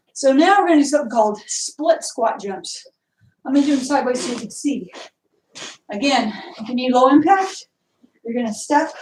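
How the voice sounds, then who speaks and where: A woman's voice: a little high, darkish tone, recorded from a distance. Winded woman coaching a workout class. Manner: upbeat, counting and cueing moves. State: out of breath. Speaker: martial arts instructor. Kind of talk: online workout class instruction. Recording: echoey room, voice from afar.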